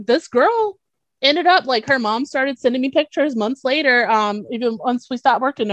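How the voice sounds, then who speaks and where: Animated, frank woman telling therapy stories. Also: on the high side, no room sound. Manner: animated storytelling with acted-out quotes; frank, informal, swears casually. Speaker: guest, children's behavior therapist. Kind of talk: casual podcast conversation.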